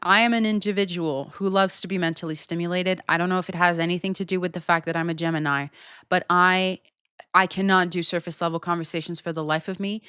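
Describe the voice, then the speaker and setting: A woman's voice: fairly low pitch, steady tone, fast talker, bright, forceful tone, smooth, dry recording, clean studio sound. A young woman speaking in a casual, candid monologue as a podcast host, unfiltered and swearing casually. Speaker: podcast host answering listener questions.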